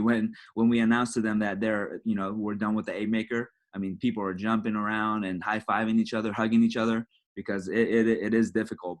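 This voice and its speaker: A football coach with a lowish voice walks fellow coaches through his program in an easy, conversational way. He keeps checking in with "right?" and leans on "again" as he moves from point to point. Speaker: high school football coach. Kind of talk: clinic presentation to coaches.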